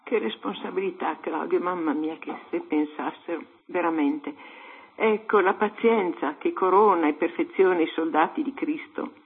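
A woman co-host reading a devotional story aloud in a calm, measured way on religious radio. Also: lowish voice, breathy edge. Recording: narrow phone-like radio sound.

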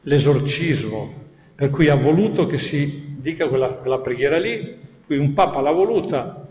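An older man from Alto Adige giving an animated religious testimony to an audience, conversational and lively in his storytelling. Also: on the high side, moderate pace. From Alto Adige, Italy. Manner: animated, conversational, acts out quoted voices. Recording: echoey hall, dull sound.

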